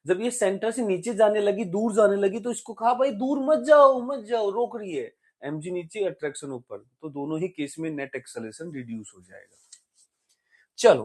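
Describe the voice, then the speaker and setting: A man teaching a physics exam-prep lecture in a lively, chatty way. He mixes English terms into his explanations and often asks his students questions. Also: sits high.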